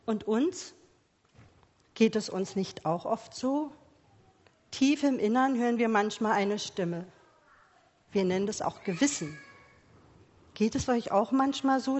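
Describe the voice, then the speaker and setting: Slow gentle woman preaching in a hall. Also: on the high side. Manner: gentle, questioning, measured. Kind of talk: slow sermon for church and children. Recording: long reverb of a church hall.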